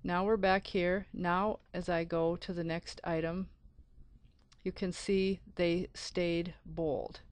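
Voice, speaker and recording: A woman narrating a screencast software tutorial as an IT support instructor, explaining methodically step by step. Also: lowish voice, flat delivery, takes it slowly, no echo. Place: close, dry voice-over for a screen recording.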